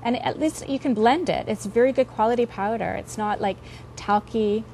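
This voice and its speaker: A woman presenting as a home shopping product expert, conversational and advisory in loose run-on phrases, with clear noise behind. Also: on the high side, moderate pace, mellow. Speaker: guest makeup expert presenting her own product line on home shopping.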